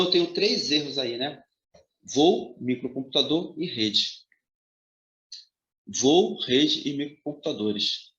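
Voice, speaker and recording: A male grammar teacher works through exam questions in an emphatic, forceful voice that keeps checking in with his students. The room is roomy and echoey, and the recording sounds a little dull and lo-fi. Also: medium pitch. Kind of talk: exam-prep lecture. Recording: roomy, slightly dull audio.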